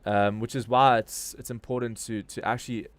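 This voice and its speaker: At a slightly fast clip and steady tone, a medium-pitched South African voice carries the commentary. The man, a Durban crypto trading livestream host, thinks aloud informally about the market, peppering his talk with slang.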